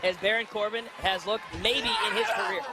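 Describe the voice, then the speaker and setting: A man offers live wrestling commentary as an insistent, opinionated analyst. He talks quickly in a very high-pitched voice. A roaring crowd surrounds him in the noisy arena. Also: fairly even intonation. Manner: opinionated, insistent, forceful advice. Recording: loud arena crowd noise.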